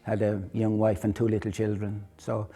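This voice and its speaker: An Irish man, an operations manager, giving a measured account in an interview. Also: lowish voice, monotone, dark tone.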